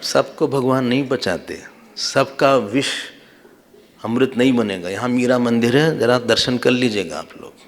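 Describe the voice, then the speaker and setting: Swami, male, middle pitch; devotional sermon with lively, humorous storytelling that acts out quotes. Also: a little slow. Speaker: swami, spiritual teacher.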